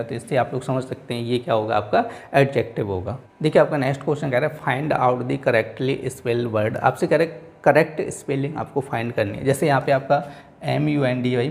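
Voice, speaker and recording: A man's voice: mid-range voice, vocal fry, darkish tone. A male teacher giving a classroom lecture who keeps asking his own questions and answering them, speaking English words.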